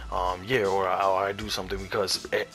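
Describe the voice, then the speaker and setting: A man's voice: deep voice, little pitch movement, fairly quick, fairly bright tone, low-quality recording. A young man giving competitive gaming tips in casual commentary, rambling and swearing with many restarts, shivering from the cold. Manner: rambling, profane, frequent restarts. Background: faint music.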